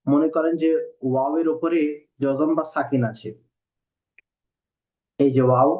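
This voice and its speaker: A man teaching Quran reading in a recorded lesson, patiently repeating rules and spelling letters out slowly. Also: fairly high pitch, fairly even intonation. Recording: dull lo-fi recording.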